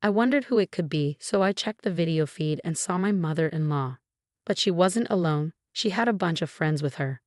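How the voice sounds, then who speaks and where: A woman reading a scripted first-person story in a calm, even storytelling manner. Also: fairly low pitch, moderate pace, dry recording, studio quality. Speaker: narrator.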